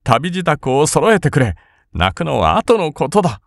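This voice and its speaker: A man's voice: fairly high pitch, big pitch swings, normal speed, gravelly, dry recording, clean studio sound, voice pushed up. A man voicing a timid samurai older brother who is frightened but determined, speaking in a trembling, urgent voice. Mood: shaky resolve.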